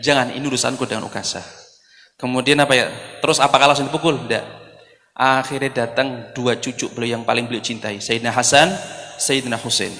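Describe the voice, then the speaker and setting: A man preaching a story-driven sermon. He talks in an animated way and keeps asking the crowd rhetorical questions. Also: medium pitch, fairly quick. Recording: long hall reverb.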